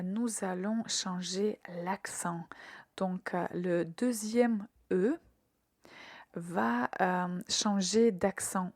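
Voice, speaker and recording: Slow, patient woman teaching French verbs. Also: medium pitch, clean studio sound. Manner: patient and careful, repeating words slowly for learners to echo; pauses with soft fillers while explaining. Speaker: French teacher hosting a verb podcast. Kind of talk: scripted language lesson.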